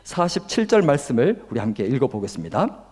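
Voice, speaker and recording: A man's voice: mid-range voice, big pitch swings, fairly quick, darkish tone, husky. A male pastor preaching a sermon, retelling a story earnestly and with emphasis. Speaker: guest pastor. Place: church sanctuary. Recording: long reverb of a church hall.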